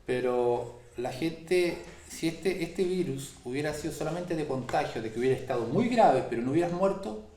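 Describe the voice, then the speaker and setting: A man, a pastor in an earnest Bible study conversation who slows down to stress scripture. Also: on the high side, lively intonation, mellow, slight background noise. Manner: earnest, slows and stresses key phrases when quoting scripture. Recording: echoey room.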